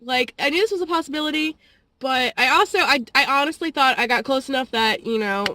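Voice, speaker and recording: A young woman talks to her camera in a loose, rambling vlog, her voice bright and sitting a little high. She laughs often between phrases. The sound is dry and close, with no room around her. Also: fairly quick, no room sound. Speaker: vlogger. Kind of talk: casual storytelling vlog.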